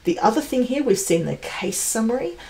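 Her voice sits a little high and sounds warm and expressive, moving at a fairly quick clip. She's in her forties, a tech channel host and pre-sales professional, explaining product announcements in an enthusiastic, conversational, emphatic way.

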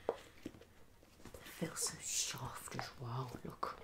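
A woman doing ASMR in a low, breathy whisper. Her delivery is unhurried, with words often dissolving into pure unvoiced breath. It is soft host-style talk meant for close listening.

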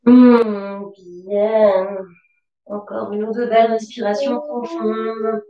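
Calm high-voiced woman guiding yoga. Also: muffled recording. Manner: slow, calm spoken cues with pauses. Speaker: yoga teacher. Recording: roomy, from a distance. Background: soft music.

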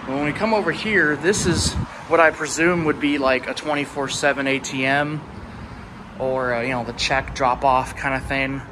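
His voice is mid-range with fairly even intonation, delivered at a normal speed. He's an urban explorer filming a casual walking tour outside a building, joking about himself with deadpan sarcasm while cars pass and street ambience fills the background.

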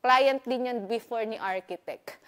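Excited chatty woman on a house tour. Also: on the high side, unhurried, clean tone. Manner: excited, chatty, filler-heavy, switching between Tagalog and English. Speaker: vlogger giving a house tour. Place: indoors, walking through a new house.

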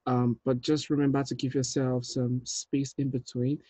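A man directing a table read, giving relaxed, encouraging notes with plenty of ums. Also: medium pitch, normal speed, dry recording. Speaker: film director. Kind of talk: casual feedback after a table read. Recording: dull lo-fi dry audio.

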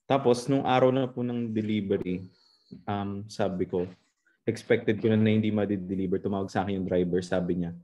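A man with a Filipino accent recounts an everyday story on a video call. His voice is fairly low, and his manner is polite and respectful. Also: steady tone, normal speed, warm tone, lo-fi sound. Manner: polite, uses respectful po often. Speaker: participant. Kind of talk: casual testimony sharing.

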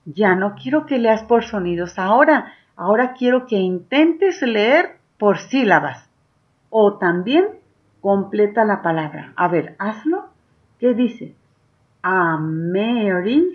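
A woman teacher with a Mexican Spanish accent patiently and warmly guides first graders through a slow, encouraging reading lesson, stretching out words so they can read along. Her mid-range voice is sing-song, and the audio sounds dull.

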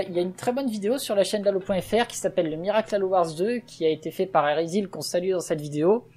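A man's voice: high-pitched, darkish tone. A man hosting a let's play, talking in casual gaming chat, passionate and opinionated, going off on a rant.

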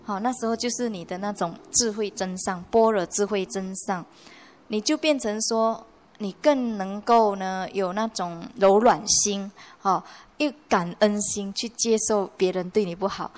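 A woman's voice: medium pitch, measured pace, darkish tone. A Buddhist nun giving a conversational dharma lecture in a monastery hall, slipping in English words and often asking her listeners whether they follow. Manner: conversational, mixing English words, frequent rhetorical checks.

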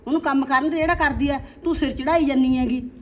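In an amateur village drama, a Punjabi-accented woman plays a nagging mother who scolds and complains in a quick, shrill way. Her delivery is lightly acted, with fairly even intonation.

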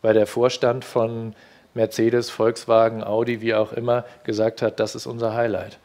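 A man's voice: mid-range voice, completely flat delivery, normal speed, darkish tone. Middle-aged man, hesitant studio guest on a headset mic, lots of fillers and restarts. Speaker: reporter recounting a car fair visit. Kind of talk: studio discussion.

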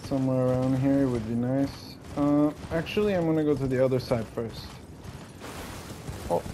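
A man's voice: mid-range voice, normal speed, noisy background. A man giving casual, offhand commentary while playing a game, often correcting himself and muttering. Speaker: gameplay streamer.

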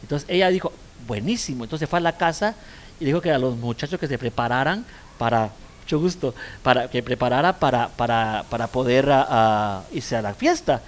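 A man's voice: medium pitch, moderate pace, slight background noise. A man preaching a language sermon as pastor and therapist, telling a story with lots of restarts and "¿verdad?" checks. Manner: animated storytelling, many repeats and "¿verdad?" tags. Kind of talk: sermon with anecdote.

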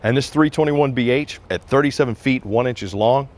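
A mid-range, darkish-toned voice at a moderate pace belongs to a man in his forties presenting an RV on an outdoor sales lot. Into his lapel mic he offers an upbeat, conversational salesman's walkaround review.

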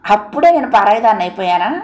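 Woman reading a calm, sad young woman. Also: mid-range voice, fast, lightly acted. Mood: restrained. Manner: quiet, restrained sadness. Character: young woman calmly ending a romance. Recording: roomy echo.

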